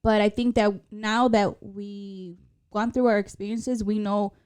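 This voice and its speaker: A woman's voice: mid-range voice, steady tone, measured pace, a little mellow, smooth. A woman in her twenties co-hosting a casual podcast, chatting and laughing often and dropping Spanish phrases into her English. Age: 20s. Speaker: podcast co-host. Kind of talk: casual chat.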